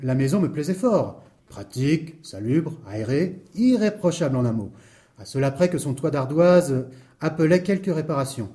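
A man's voice: on the high side, lively intonation, normal speed, mellow, natural voice. An actor playing a man who tells a friend a long, wordy story in a theatrical manner. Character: man recounting his house troubles to a friend. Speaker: storyteller in a stage dialogue. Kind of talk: theatrical reading.

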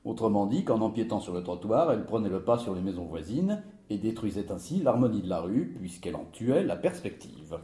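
Wry know-it-all,: low, mellow voice that swoops widely; roomy sound. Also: male voice, sing-song, fairly quick. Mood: lecturing. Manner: mocking, knowing, pedantic. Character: wry, pedantic man teasing his friend. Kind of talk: stage comedy dialogue.

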